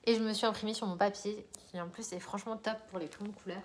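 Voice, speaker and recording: A woman's voice: mid-range voice, steady tone, fast talker. A woman with a mid-range voice talks casually to her viewers, showing off new purchases. She rambles, restarts and fills gaps with hesitations. Faint background noise sits under her voice. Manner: chatty, rambling, many fillers and restarts. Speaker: coloring book vlogger.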